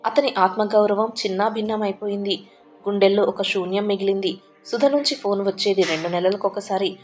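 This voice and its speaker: A woman tells a sad family story in a measured, heartfelt way. Her voice sits at an ordinary middle pitch for a woman. Soft music plays faintly under her narration. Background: soft background music.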